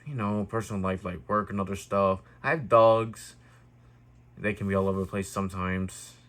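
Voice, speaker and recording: A man's voice: fairly low pitch, fairly bright tone. A man hosting a casual hobby review video, talking in a rambling way that often gets sidetracked and corrects himself. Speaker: YouTube diecast reviewer.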